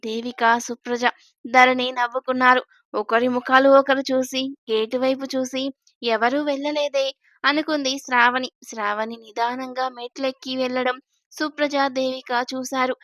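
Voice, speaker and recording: A woman's voice: sits high, level tone, moderate pace, fairly bright tone, no echo, studio quality. A woman storyteller reading a daily family serial aloud, voicing all the characters herself.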